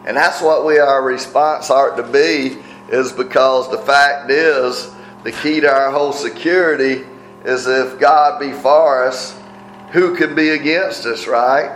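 Male preacher, mid-pitched voice, casual sermon delivery in a reverberant room. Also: steady tone, unhurried, a bit bright, soft background music. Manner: conversational, rhetorical questions, frequent "right?". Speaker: pastor.

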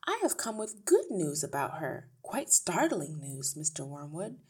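A woman's voice: deep voice, sing-song, a little slow, darkish tone, breathy edge, exaggerated voice. A woman voicing a slim, polite but resolute woman schoolteacher in a storybook, speaking earnestly and firmly. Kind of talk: acted audiobook dialogue.

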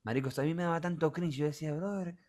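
A young man with a Venezuelan accent chatting casually in an animated, slangy way and mocking voices as he tells stories. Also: a little high, rapid-fire. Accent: Venezuelan Spanish. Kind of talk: casual chat.

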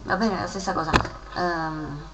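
A woman hosting a casual show, chatting to viewers and reading a rhymed joke aloud with lively emphasis. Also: lowish voice, measured pace, very noisy. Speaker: host.

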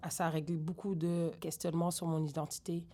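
A woman's voice: lowish voice, a little fast. A woman with a French accent with Québécois traces, a rapper raised in Senegal, talking candidly and digressively in an interview. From grew up in Senegal. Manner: animated, digressive, many fillers. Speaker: rapper guest.

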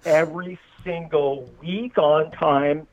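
A musician in his forties from Southern California speaks slowly in a fairly even, higher-pitched voice as a guest on a casual podcast interview. He rambles, jokes and laughs often, heard over a tinny, dry, phone-like line with crowd noise.

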